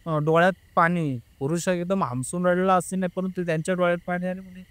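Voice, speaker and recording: High-voiced man telling a tense story. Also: fairly even intonation, fast, fairly bright tone, clean tone, no echo. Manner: earnest, emotional, re-enacts family members' words. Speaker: guest telling a personal story. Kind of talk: casual interview storytelling.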